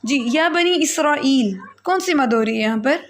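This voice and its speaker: A woman's voice: high voice, lively intonation, slight background noise. A woman teaching Quran recitation rules in an online class, patient and corrective with her students. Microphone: online call.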